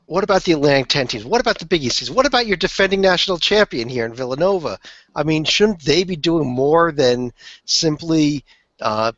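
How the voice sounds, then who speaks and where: A man's voice: on the high side, animated, brisk, fairly bright tone, dry recording, lo-fi sound. Hesitant man questioning on a sports panel. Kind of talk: roundtable sports talk.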